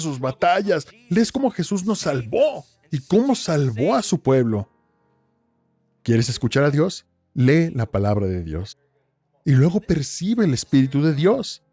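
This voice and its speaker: A man's voice: on the high side, mellow, breathy edge. A man preaching a sermon as pastor, emphatic, with rhetorical questions and repetition.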